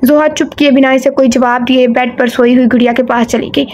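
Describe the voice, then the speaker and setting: A woman reading an audio novel aloud in a steady storytelling manner. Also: high-pitched, brisk. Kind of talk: scripted narration.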